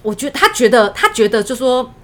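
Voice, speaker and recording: Fast, lively, bright-voiced young woman. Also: on the high side. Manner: candid, storytelling, quotes dialogue. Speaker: podcast co-host. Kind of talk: casual chat.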